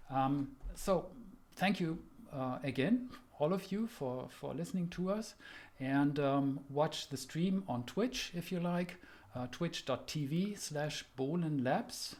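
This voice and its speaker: A man hosting a casual live talk, relaxed and unhurried, often pausing with "um". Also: a little high. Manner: relaxed, many "um" fillers. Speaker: host.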